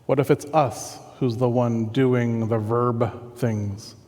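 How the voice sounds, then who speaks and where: A man pastor giving a conversational, earnest sermon that often drops into soft, reflective tones. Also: medium pitch, steady tone, takes it slowly, long reverb tail.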